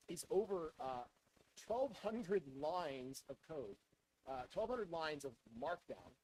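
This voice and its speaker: A man's voice: fairly high pitch, low-quality recording. A man giving an informal technical lightning talk, often restarting and repeating his phrases.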